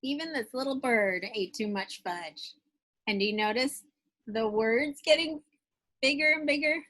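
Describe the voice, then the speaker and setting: A woman teacher reads aloud from a picture book for young children, elongating phrases with expression and asking them questions directly. She has a slightly high, somewhat bright voice and keeps a measured pace.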